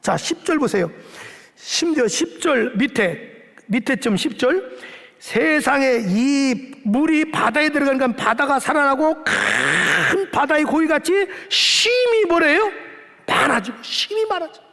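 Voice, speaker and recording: A male pastor preaching with a very high, gravelly voice. His delivery is forceful and scolding, rising to shouts, and he acts out the Bible characters as he goes. The sound carries the long reverb of a church sanctuary. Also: big pitch swings, measured pace. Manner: scolding, emphatic preaching with shouted peaks and acted-out Bible dialogue. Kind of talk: sermon.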